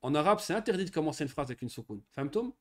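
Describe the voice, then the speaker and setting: A man teaching children Arabic grammar in a lively, animated voice that rides fairly high for a man. He explains patiently and keeps stopping to ask whether they have understood. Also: rapid-fire. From Morocco. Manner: patient, lively explanations with frequent checking questions.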